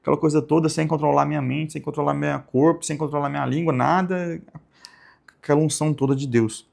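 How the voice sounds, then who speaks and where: A young man telling a personal religious testimony, soft-spoken and rambling, often tagging his sentences with little questions. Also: fairly high pitch, fairly even intonation, a little fast, vocal fry. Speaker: channel host giving testimony.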